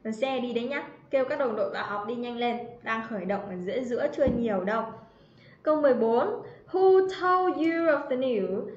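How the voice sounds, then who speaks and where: A woman's voice: a little high, lively intonation, a little fast. A woman teaching an English grammar livestream, chatty and teasing, calling out students by name. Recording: roomy, slightly dull livestream audio.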